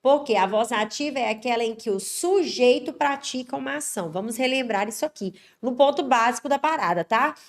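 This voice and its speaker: A Brazilian woman with a somewhat high voice walks students through grammar questions. She talks with lively emphasis and keeps checking in with quick tag questions. A slight congestion from an allergic cold sits in her voice. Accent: Brazilian Portuguese. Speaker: Portuguese teacher for exam prep. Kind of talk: online exam-prep lesson.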